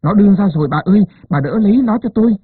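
A man's voice: sits high, lively intonation, rapid-fire, husky, no room sound, voice pushed up. A man voicing a young peasant woman in painful labor who wails and pleads breathlessly. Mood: urgent. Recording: narrow phone-like sound.

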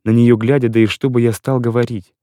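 A man reading a classic novel as an audiobook, narrating in an earnest, measured first-person voice. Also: mid-range voice, flat delivery, dark tone. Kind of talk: scripted literary narration.

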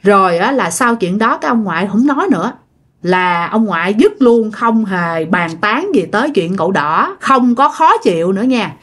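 A woman's voice: medium pitch, lively intonation, moderate pace, a bit bright. A woman with a Southern Vietnamese accent tells a ghost story in a casual narration style. She talks chattily and addresses her listeners directly.

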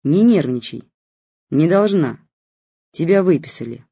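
Brief: worn-out mother, read by the narrator, dark husky tone, dry audiobook sound. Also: mid-range voice, animated, a little slow, no echo, muffled recording. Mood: weary. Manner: tired, curt replies. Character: tired, worn-out mother, curt.

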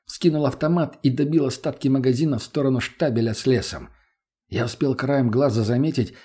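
A man narrates a first-person audiobook in a husky, mid-pitched voice. His reading is terse and gritty, matter-of-fact and steady. He tells the action plainly, without flourish.

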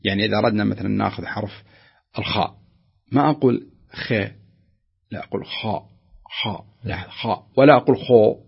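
A man's voice: lowish voice, very fast, gravelly, slightly rough, highs cut off. A man who teaches Quran recitation, patiently correcting callers and sounding out letters syllable by syllable.

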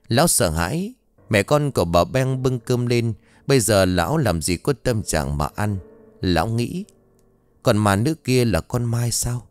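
A man narrating an audio story with expressive storytelling. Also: mid-range voice.

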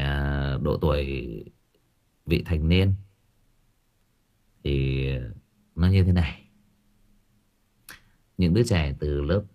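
A man hosting a casual talk show, rambling and repeating himself as he talks about raising teenagers. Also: rumbling low. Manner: rambling, repeats words, animated.

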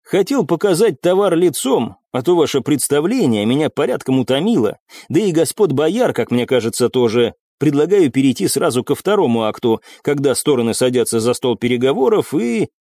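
A man's voice: mid-range voice, sing-song, a little fast, few pauses, dark tone, dry recording. Man doing a cocky young hero, cool and mocking, voice moves around a lot, dry. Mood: sardonic.

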